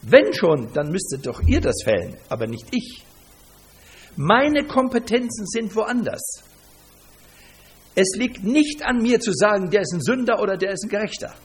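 A man voicing a calm, steadfast young man who was healed of blindness, speaking in an earnest, deliberate way. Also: sits high.

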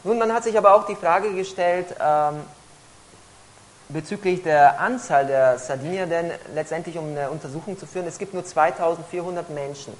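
A woman interpreting a talk phrase by phrase, often pausing and hesitating as she searches for words. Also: on the low side, low-quality recording. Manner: frequent hesitations while rendering each phrase. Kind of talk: consecutive interpreting into German.

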